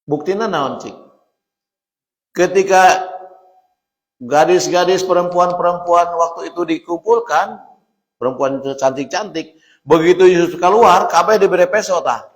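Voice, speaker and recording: A man with a Sundanese accent preaching a mosque sermon, telling stories lively, laughing and turning to his listeners. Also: high-pitched, unhurried, long pauses. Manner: lively storytelling with laughter and asides to the audience. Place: mosque hall. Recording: echoey mosque hall.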